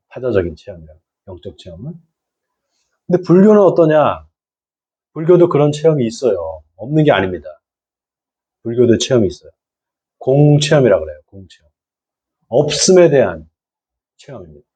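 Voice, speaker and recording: Lecturing pastor, middle-aged man, breathy dark tone, dull recording. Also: mid-range voice. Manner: asks the audience and repeats key words. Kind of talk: church lecture to lay people.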